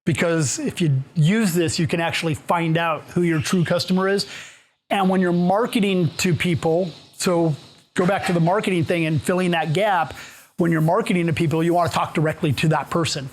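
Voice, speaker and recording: High-voiced man presenting a workshop. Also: fairly even intonation, normal speed, slight background noise. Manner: casual, asks the audience questions, with fillers and restarts. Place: meeting room with a live audience. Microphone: room mic, moves around while talking.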